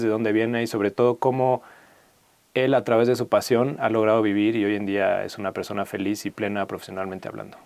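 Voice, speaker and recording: A man's voice: lowish voice, a little mellow, no echo. A man hosting an interview, speaking reflectively with casual fillers. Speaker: interview host. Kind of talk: conversational interview.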